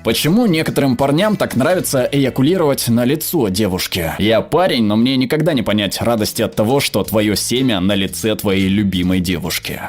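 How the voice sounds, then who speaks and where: Animated male narrator reading comments aloud. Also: medium pitch, a little fast, few pauses, faint music behind. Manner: expressive reading, voicing quoted people. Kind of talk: scripted narration.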